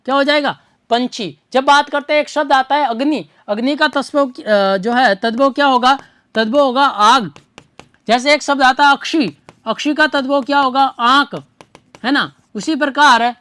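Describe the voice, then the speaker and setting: A woman's voice: high voice, a bit bright, no echo. A woman teaching a grammar lesson for an exam, who keeps asking rhetorical questions and answering them at once, repeating each key answer.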